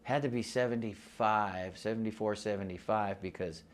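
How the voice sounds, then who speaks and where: At normal speed and with fairly even intonation, a lowish-voiced man in his sixties recounts past stories as a musician interviewee. His casual oral-history telling, shaped by growing up between the US and Mexico, rambles with frequent laughs and restarts.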